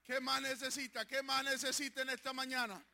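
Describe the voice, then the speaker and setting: A middle-aged man pastor preaching a fiery sermon that swells into shouted declarations. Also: very high voice, level tone, brisk, creaky.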